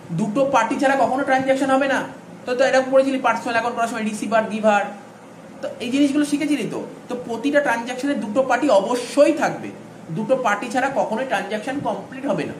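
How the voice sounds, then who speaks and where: In an echoey room with faint background noise, a man with a very high voice gives an informal, classroom-style accounting lecture. He speaks directly to his students, checking often with "all right?" to make sure they follow.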